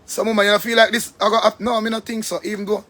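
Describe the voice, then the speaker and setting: High-voiced Jamaican man ranting loosely. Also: fast talker. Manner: rambling, profane, animated. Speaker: live-stream host. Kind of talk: casual live-stream rant.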